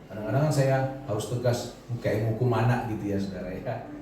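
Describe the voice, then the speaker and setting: A middle-aged Indonesian pastor preaches in a relaxed, conversational way, dropping in chuckling asides. His fairly low voice moves briskly over music, captured from a distance in an echoey, large church hall.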